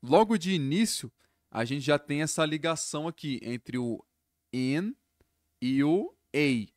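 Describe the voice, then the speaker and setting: Slow-talking guy teaching english pronunciation, dry close sound, repeats words one by one. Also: on the high side, animated, no echo. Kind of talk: pronunciation lesson.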